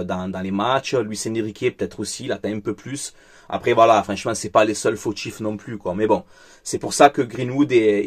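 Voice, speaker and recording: A man doing a casual football debrief, frank and chatty, angry and upset after a loss. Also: medium pitch. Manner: frank and chatty, with many fillers. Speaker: football vlogger.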